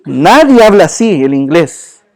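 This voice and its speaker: A man teaching a church Bible class in a lively, joking way, often asking his listeners questions and calling them brother. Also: a little high, a little slow.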